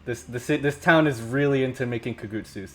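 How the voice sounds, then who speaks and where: A man as game master, improvising narration for a tabletop game in a halting way, often repeating words. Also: mid-range voice, a crowd in the background.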